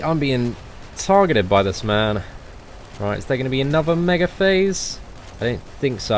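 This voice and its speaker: Chill guy talking through a boss fight, lowish voice, bit of faint noise behind. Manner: relaxed chatty guide, many fillers, excited bursts. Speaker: gaming channel host. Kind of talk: casual game commentary.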